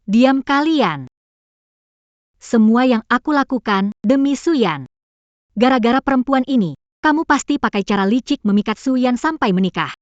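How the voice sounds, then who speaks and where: A woman's voice: fairly high pitch, lively intonation, moderate pace, dry recording, lo-fi sound, close to an everyday voice. A woman playing an obsessive jilted young woman in a dubbed melodrama, overwrought, pleading and defiant. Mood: hysterical rage.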